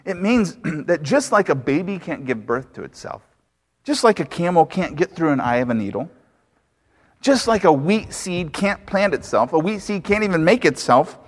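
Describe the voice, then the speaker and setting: A man's voice: on the high side, sing-song, moderate pace. A man preaching a sermon as pastor, emphatic and full of rhetorical questions. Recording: long hall reverb.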